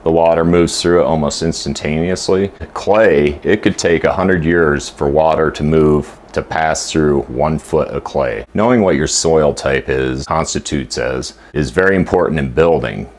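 A man in his fifties, co-hosting a homesteading channel, explains a topic to the camera in his kitchen in a steady, instructive way. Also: rumbling low, measured pace, hardly any pauses, slight background noise. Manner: steady, instructive, listing points. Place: home kitchen indoors.

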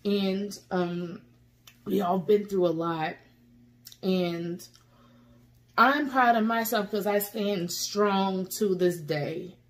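A woman's voice: medium pitch, slow, long pauses. A woman vlogger talking tearfully and from the heart, rambling and encouraging her viewers after reacting to a song. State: tearful, emotional. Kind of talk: emotional casual vlog talk.

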